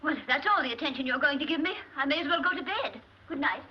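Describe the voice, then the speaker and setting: A woman's voice: high-pitched, quick pace, close to an everyday voice. A woman playing an indignant, nagging middle-aged wife in old Hollywood screwball comedy banter, scolding and plaintive. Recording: dull, noisy old film soundtrack.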